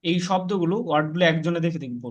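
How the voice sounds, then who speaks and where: A man's voice: on the high side, lo-fi sound. A man teaching an online spoken English class, patiently saying each word and its meaning for his students. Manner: patient, repeats words slowly for students.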